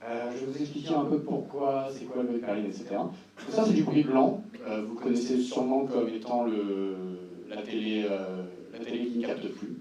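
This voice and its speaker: A man's voice: medium pitch, normal speed, few pauses, mellow. A man giving an informal technical presentation as a conference speaker, casual and wry with dry-humoured asides. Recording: roomy echo, distant mic, faint hum.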